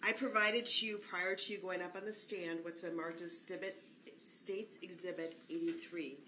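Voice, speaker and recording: A woman's voice: on the low side, fairly even intonation, normal speed, bright, forceful tone. A woman prosecutor questioning a witness formally and methodically. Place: courtroom. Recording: echoey courtroom, distant mic, faint noise.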